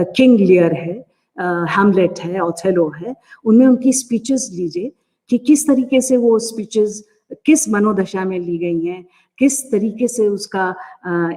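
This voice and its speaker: A middle-aged woman with an Indian accent teaches acting in a calm, explaining lecture, pausing on soft fillers as she goes. Her voice sits at an ordinary pitch. The room carries a long, hanging reverb. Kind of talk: lecture answering student questions.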